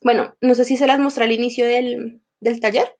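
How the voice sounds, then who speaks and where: A high-pitched woman teaching a workshop on emotional intelligence. She speaks conversationally and slips into short acted dialogues with her own feelings, and her throat sounds slightly sore. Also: fairly even intonation, moderate pace, darkish tone.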